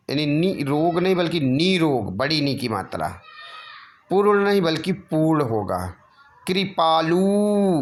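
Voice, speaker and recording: A man teaching spelling corrections, slowly dictating and repeating each word. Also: a little high, gravelly. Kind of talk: spelling lesson.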